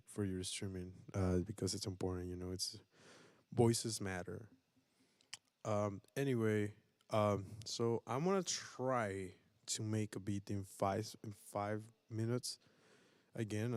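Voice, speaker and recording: A man in a home studio talks viewers through his live stream in a loose, rambling way, full of fillers and restarts. His voice sits on the lower side, and the sound is dry and close. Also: a little mellow, no room sound. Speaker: streamer and beat producer. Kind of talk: casual live-stream tutorial.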